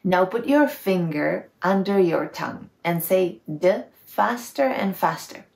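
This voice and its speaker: A woman's voice: fairly low pitch, animated, slow, gravelly, darkish tone, reverberant. A woman teaching pronunciation to foreigners, patiently demonstrating sounds with repeated syllables. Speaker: Czech language teacher. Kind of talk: pronunciation lesson.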